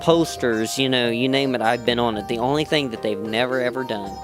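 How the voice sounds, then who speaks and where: A West Virginia actor speaks briskly in a medium-pitched voice while interviewed at a fan convention, with music playing loudly in the background. He rambles, often restarting and filling gaps with "you know."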